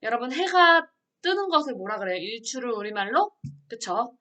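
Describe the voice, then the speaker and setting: A woman teaches an online grammar lesson, asking questions and answering them herself. Her voice sits a little high and sounds bright and clear. She explains patiently, step by step. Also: sing-song, moderate pace.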